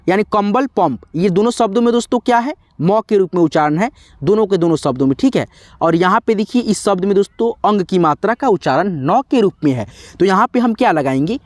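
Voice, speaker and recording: A man's voice: sits high, no room sound. A man teaching spelling to viewers in a patient, repetitive way, often calling them friends. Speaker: English teacher. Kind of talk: spelling lesson in Hindi.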